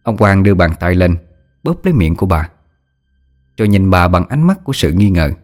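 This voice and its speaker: A man narrating a scripted ghost story in a steady, even manner. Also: deep voice, a little fast. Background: faint background music.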